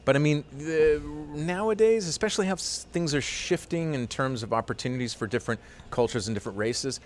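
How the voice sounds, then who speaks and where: A man's voice: on the high side, a little fast, a little hiss or hum. A middle-aged man, a voiceover artist and teacher, talking as a guest in an earnest, enthusiastic way and often repeating himself. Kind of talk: casual interview talk.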